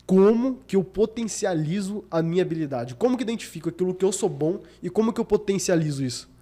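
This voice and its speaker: A man speaks as a guest on a podcast, in a mellow and slightly high voice. He talks in a relaxed way and works through his reasoning one step at a time. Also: fast. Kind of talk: casual podcast conversation.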